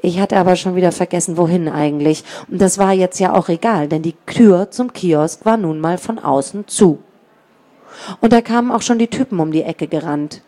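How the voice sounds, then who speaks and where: A woman reads a children's adventure story aloud. Her voice is mellow and sits fairly low, and she gives each child and each bully a voice of their own. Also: moderate pace. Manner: lively reading that voices each child and gang member. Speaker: audiobook narrator.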